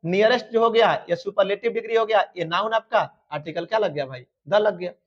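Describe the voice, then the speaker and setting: Male teacher, high voice, emphatic and repetitive exam coaching, dull lo-fi recording. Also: fast talker. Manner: emphatic, repetitive, addresses students fondly. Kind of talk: exam-prep grammar lesson. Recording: dull lo-fi sound.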